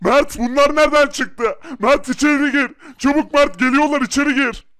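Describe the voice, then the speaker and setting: A man, the channel host, playing a father who desperately searches for his wife and son among zombies, shouting and then whispering. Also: very high voice, steady tone, moderate pace. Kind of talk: game story acting.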